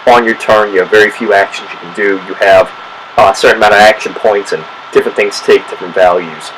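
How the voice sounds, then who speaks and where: Relaxed, chatty man reviewing a board game. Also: fairly low pitch, fast talker, a little hiss or hum, low-quality recording. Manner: relaxed, chatty, with fillers and self-corrections. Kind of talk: casual spoken review.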